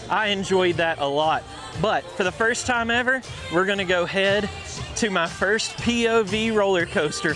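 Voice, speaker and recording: High-pitched, folksy American man vlogging over music. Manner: enthusiastic, folksy. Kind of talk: casual on-location vlog chat. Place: theme park, shop and outdoor food areas. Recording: music behind, outdoor park sound.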